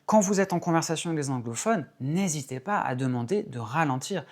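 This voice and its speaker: A woman, an English teacher, explaining patiently and clearly in a video lesson, stressing key words by repeating them. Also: deep voice, animated, fairly quick, darkish tone.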